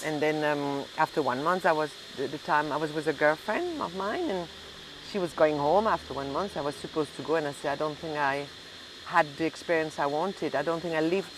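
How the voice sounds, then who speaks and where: Against a noisy background, a middle-aged woman talks casually in an interview, her low-pitched voice a little fast as she often searches for words. A hotel and restaurant owner, she is a native French speaker from Belgium and southern France with a French accent.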